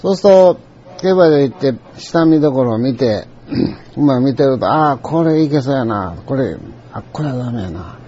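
A man's voice: medium pitch, lively intonation, normal speed, mellow, slight background noise. A man with a Kansai accent, telling a rambling, conversational story with many asides. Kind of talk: storytelling monologue. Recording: dull lo-fi recording.

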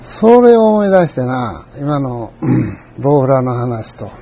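An older man with a Kansai accent telling a rambling, reflective story in a folksy way, often clearing his throat. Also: mid-range voice, very animated, slow, warm tone, lo-fi sound. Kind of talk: reflective monologue.

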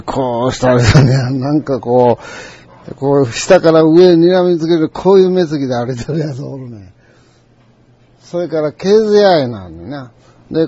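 A man with a Kansai accent tells a rambling, conversational story full of asides. His voice is husky and mellow, swinging widely in pitch. The recording sounds dull and lo-fi. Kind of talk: storytelling monologue.

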